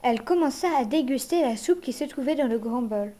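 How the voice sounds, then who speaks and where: A woman reading a children's fairy tale aloud in a gentle, measured way. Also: high-pitched, expressive. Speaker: narrator.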